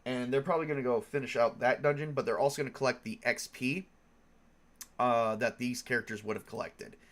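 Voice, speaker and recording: His mid-range voice is brisk, with fairly even intonation, though a cold leaves him sounding stuffed up. He is a tabletop game master chatting casually on a stream, rambling with many fillers and restarting his sentences.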